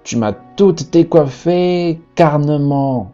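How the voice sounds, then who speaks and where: A man voicing a kindly grown female lioness in a storybook, speaking in a gentle, reassuring way. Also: a little high, slow pace, dull audio, soft background music, voice pushed up.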